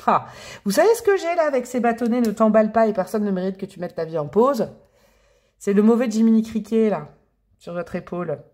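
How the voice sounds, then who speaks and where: A woman's voice: mid-range voice, expressive, fairly quick, dark tone. A woman giving a casual tarot reading to camera, chatty and playful, calling her viewers affectionate pet names. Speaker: tarot reader.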